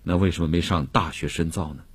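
A husky, unbending revolutionary prisoner. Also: male voice, deep voice, fairly even intonation, no room sound. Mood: calm, earnest. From Yiyang, China. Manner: measured, dignified. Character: imprisoned male revolutionary, calm, unbending. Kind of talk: radio drama acting.

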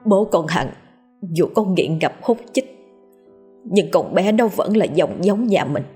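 A woman's voice: fairly low pitch, expressive, slow, warm tone, husky, faint music behind, exaggerated voice. A woman voicing a grieving old grandmother who pleads through tears in a ghost story. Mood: resigned. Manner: tearful, imploring.

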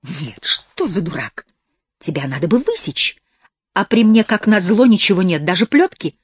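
A woman's voice: medium pitch, very animated, normal speed, no echo, voice pushed up. A woman reading an audiobook, voicing a cruel little girl with a vampire's hunger who taunts and commands. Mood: scornful. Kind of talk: audiobook character voice.

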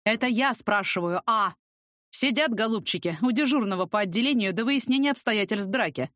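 A woman reading an audiobook, voicing a gruff, bossy middle-aged police officer who barks orders and lectures. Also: mid-range voice, animated, brisk, a bit bright, dry recording, clean studio sound, lightly acted. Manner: barking, commanding, fatherly lecturing. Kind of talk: audiobook character voice.

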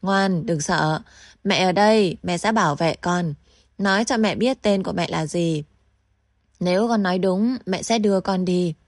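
A woman voicing a sly young woman who mocks her captive and then coaxes her in a falsely gentle way. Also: on the low side, moderate pace, dry recording, studio quality. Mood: coaxing. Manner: mocking, teasing, then falsely gentle and coaxing.

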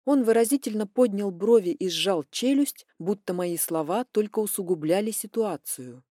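A woman narrates a first-person audiobook in a mellow, dark-toned voice, telling the story expressively and dramatically. The sound is dry and close to the microphone, with no room echo. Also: mid-range voice, normal speed.

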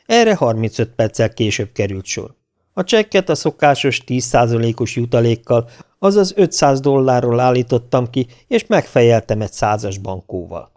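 Male audiobook narrator, wry first-person telling, mid pitch. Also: expressive, darkish tone.

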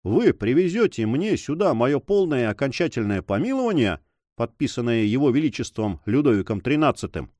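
A male reader voicing a scheming count, a prisoner who talks calmly and commands, in a storybook reading. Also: medium pitch, no room sound, lightly acted. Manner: calm, measured, commanding.

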